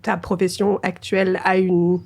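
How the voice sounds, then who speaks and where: A woman's voice: medium pitch, little pitch movement, unhurried, a little mellow. A woman hosting a podcast interview, reading a scripted intro and then chatting in a friendly way with light laughs. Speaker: podcast host.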